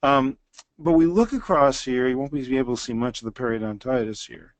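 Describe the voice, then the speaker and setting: A man's voice: medium pitch, a little fast, no room sound. A man in his sixties giving a lecture that walks listeners through a dental case. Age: 60s. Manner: explanatory, walks through images step by step.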